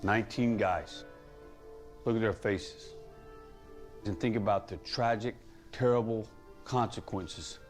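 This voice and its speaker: Former intel guy in a documentary, low voice, grave and emphatic, soft music under him. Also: slow pace, pauses often. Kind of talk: documentary interview.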